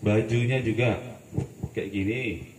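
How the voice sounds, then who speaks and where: A man with a fairly low voice addresses a gathered group of students, firm and corrective but dropping into casual asides. The sound is roomy and echoey. He is picked up from a distance, with steady background noise. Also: takes it slowly. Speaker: speaker addressing students at a school assembly. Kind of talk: lecturing, giving instructions. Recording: echoey, far from the mic, noisy.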